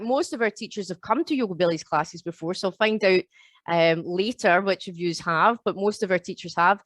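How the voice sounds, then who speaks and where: A woman in her thirties, Glaswegian and from Scotland, runs a live online yoga teacher training via video call, chatty and checking in often with "okay?" and "all right?". She has a low-leaning voice, captured in a dry, clean studio sound.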